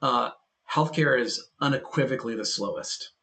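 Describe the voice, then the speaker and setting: A man's voice: mid-range voice, normal speed, vocal fry, sharp tone. A man as a podcast guest talking about healthcare technology, emphatic, repeating key phrases and acting out quoted dialogue. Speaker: guest, healthcare and private equity tech leader. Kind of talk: casual podcast conversation.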